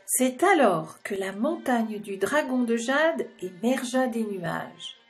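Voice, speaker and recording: A woman's voice: on the high side, expressive, slow pace, soft background music. A woman narrating a children's storybook expressively and speaking directly to the young listener.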